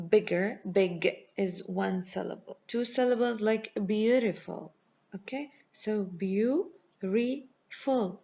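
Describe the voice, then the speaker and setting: A woman teacher going through a grammar review at an unhurried, deliberate pace. Her voice has a gravelly, fry-tinged edge, and she keeps coming back to patient reminders. The recording sounds dull and lo-fi. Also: mid-range voice, darkish tone. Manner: slow, patient explaining with repeated reminders.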